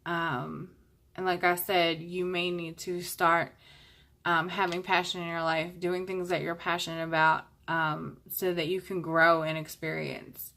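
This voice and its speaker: A woman's voice: on the low side, level tone, unhurried, gravelly, pushed and bright. A young woman reading tarot cards to camera in a casual, chatty way, with lots of fillers and rambling asides. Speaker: tarot reader.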